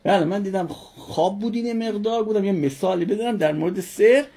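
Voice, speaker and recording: Lady teacher, raspy voice, lecturing a class on religion, keeps asking questions and answering them herself. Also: medium pitch, mellow. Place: classroom with students.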